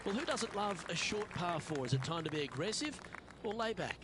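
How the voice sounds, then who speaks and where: Higher-voiced man, golf commentator over loud crowd. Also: sing-song, a little fast. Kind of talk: golf broadcast play-by-play commentary. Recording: crowd and outdoor noise behind voice. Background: loud crowd and outdoor ambience.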